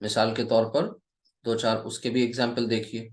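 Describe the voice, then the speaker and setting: A man's voice: mid-range voice, little pitch movement, echoey room. A man teaching an Arabic grammar lesson in a patient classroom manner. He asks the viewer questions and answers them himself. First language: Urdu or Hindi speaker teaching Arabic. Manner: deliberate, slow delivery with many repeated checks of "okay". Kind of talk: classroom-style lesson, explaining at a board.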